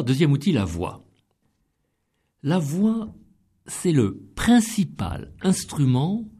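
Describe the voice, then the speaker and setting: A middle-aged man giving scripted instruction on public speaking, deliberate and emphatic as he counts off each point. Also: mid-range voice, mellow, slightly rough.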